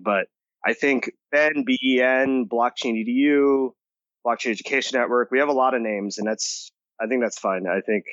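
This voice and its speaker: A man's voice: medium pitch, fairly bright tone, dry recording. Upbeat young man, dull dry audio. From United States. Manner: enthusiastic, talkative, many "like" fillers. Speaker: podcast guest. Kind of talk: casual interview talk.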